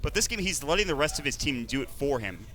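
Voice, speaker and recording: A man giving fast, excitable play-by-play as an esports caster. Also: medium pitch, slight background noise, low-quality recording. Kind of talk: live game commentary.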